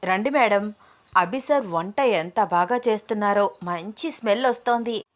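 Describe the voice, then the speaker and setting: A woman's voice: medium pitch, moderate pace, close to an everyday voice. A woman voicing a playful, cheeky young woman with a teasing, bubbly way of talking.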